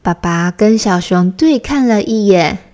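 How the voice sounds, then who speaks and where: A woman, softly narrating a children's bedtime story as the show's host. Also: medium pitch, lively intonation. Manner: soft, soothing and deliberate.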